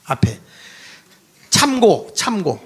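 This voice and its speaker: A man in his sixties giving a history lecture to an audience, animated and mocking, with quips and laughing asides. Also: sits high, slow pace.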